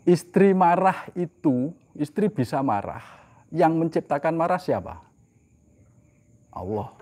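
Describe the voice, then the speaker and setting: Male preacher, fairly high voice, rhetorical questions, loud emphatic peaks and hushed asides. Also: lively intonation, measured pace. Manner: rhetorical questions answered himself, mixing in Javanese phrases; swings from loud emphatic lines to soft low asides. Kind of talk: sermon.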